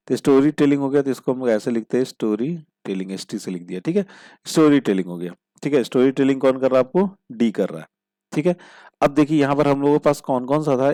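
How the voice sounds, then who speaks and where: A man teaching a logic puzzle step by step, asking questions and answering them himself, and reading the problem statements slowly. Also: medium pitch, warm tone, dry recording. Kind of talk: step-by-step puzzle-solving lesson.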